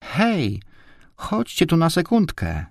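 A man's voice: a little slow, breathy edge, no echo, clean studio sound, full character voice. A man reading a storybook, voicing a tearful little girl who loves her snacks, with a raised, dramatic voice. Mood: excited. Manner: high, sobbing, then excited.

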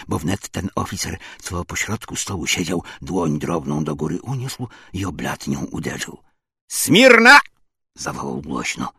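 Man, first-person storyteller, folksy rustic speech, talks to the listener, husky voice, dry close sound. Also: sits low, no echo. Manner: folksy old-fashioned rustic speech, addressing the listener directly.

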